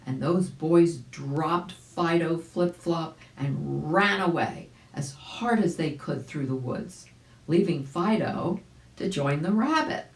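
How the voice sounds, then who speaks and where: An older woman of about seventy, a volunteer storybook reader, reads a children's story aloud in a deep voice, expressive and deliberate. She is in a small indoor room at home, a few feet from the camera, and the recording sounds roomy.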